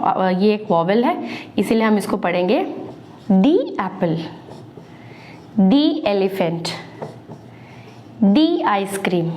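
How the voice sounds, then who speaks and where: Mellow-voiced woman teaching at a board. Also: a little high, muffled recording. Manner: slow, spelling out words and examples; fillers and self-corrections. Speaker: English teacher. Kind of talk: classroom lesson at a whiteboard.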